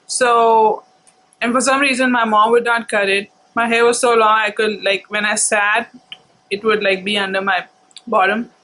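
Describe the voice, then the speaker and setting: A woman vlogger telling personal stories casually, in a halting, reflective, unhurried way. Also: mid-range voice, level tone, sharp tone, a little hiss or hum, rough recording.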